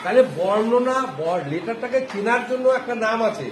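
A male primary school teacher giving a phonics lesson to a class, often asking questions and repeating answers slowly. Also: very high-pitched. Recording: echoey classroom with background noise.

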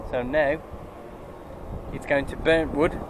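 Chatty British trucker, road noise behind. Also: male voice, on the high side, steady tone, slow. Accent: British English. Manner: chatty, upbeat commentary to viewers. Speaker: truck driver vlogger. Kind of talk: casual driving vlog.

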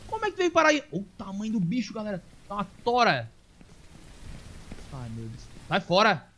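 A man giving casual let's-play commentary, excitable, calling out to viewers and coaxing animals aloud. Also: high-pitched, fairly quick. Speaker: gaming streamer.

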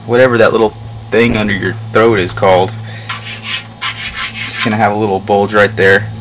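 This young man speaks on the low side with a flat delivery and a moderate pace as he demonstrates metalworking as a hobby. His informal narration moves step by step through the job in an outdoor work yard. The sound is noisy camcorder audio from a camera mic a short distance away.

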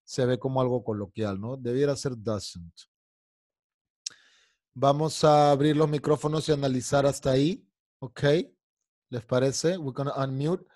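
A man's voice: mid-range voice, a little slow, long pauses, a little mellow, no room sound, studio quality. A man teaching an online English class, explaining in Spanish and drilling pronunciation by singing along to lyrics. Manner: irritated, scolding a heckler.

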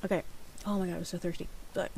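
A woman's voice: fairly low pitch, flat delivery, quick pace, a little mellow, slight background noise, rough recording. Chatty woman rambling on a craft livestream. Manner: rambling, chatty, many restarts. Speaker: livestream host. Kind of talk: casual livestream chat. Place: home crafting stream.

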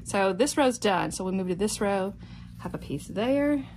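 A woman's voice: mid-range voice, animated, moderate pace, darkish tone. A middle-aged woman giving an informal step-by-step craft tutorial, thinking aloud as she works. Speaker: quilting instructor. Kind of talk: casual step-by-step tutorial narration. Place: indoor home sewing room. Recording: clearly noisy home sewing-room recording.

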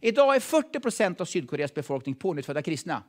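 A man with a Swedish accent preaching a sermon in a church, emphatic and repeating words, dropping from loud calls to hushed tones. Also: on the high side, very animated. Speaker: pastor. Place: church hall.

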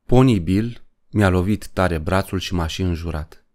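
A man narrating an audiobook in a measured, even storytelling manner. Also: low voice.

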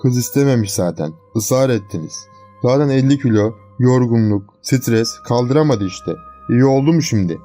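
A man's voice: medium pitch, expressive, normal speed, dark tone, soft background music, natural voice. A man voicing an angry, worried older father who scolds in a raised, reproachful voice in a horror storybook reading. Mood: scolding.

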